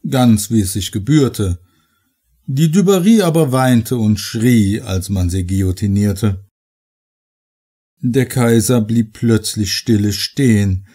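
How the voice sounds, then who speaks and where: A man recites verse at an unhurried, deliberate pace. His voice is dark and mellow, and he lets his delivery swell dramatically on key lines. It is a scripted poetry reading. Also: medium pitch. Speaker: narrator reading a poem.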